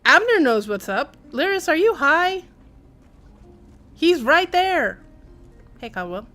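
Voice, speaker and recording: A high-pitched woman speaks slowly while streaming a video game over background game music. She's wry, chatty, and expressive, mixing commentary with reading the in-game text aloud.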